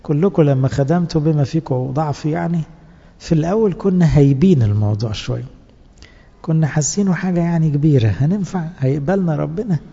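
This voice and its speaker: A man's voice: fairly high pitch, quick pace, creaky, dark tone, slightly rough. A man with an Egyptian accent preaching to church servants, earnest and exhorting, full of rhetorical questions. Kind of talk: sermon. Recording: dull lo-fi recording in a reverberant hall.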